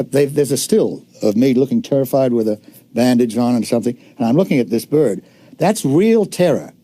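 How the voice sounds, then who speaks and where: An older man, an actor recalling a film shoot in an archive interview, telling it with lively mock outrage. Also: on the high side.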